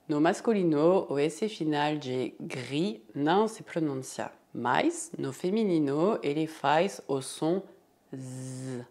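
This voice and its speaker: Very slow, careful woman teaching French. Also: deep voice, a little mellow. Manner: slow, careful drilling of each word twice. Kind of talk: language lesson with repeat-after-me drills.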